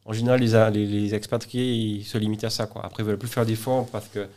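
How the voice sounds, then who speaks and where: Guy chatting in an interview, low-ish voice, keeps repeating words, trips over himself a lot. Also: flat delivery, fast, mellow. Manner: hesitant, many repeated words and restarts. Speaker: interview guest. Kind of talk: casual conversation.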